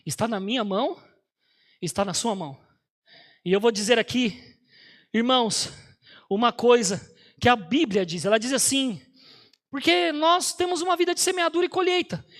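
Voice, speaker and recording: High, bright-voiced pastor preaching. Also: male voice, moderate pace, long pauses. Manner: lively, animated storyteller who often speaks to the congregation. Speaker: auxiliary pastor. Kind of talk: storytelling sermon testimony.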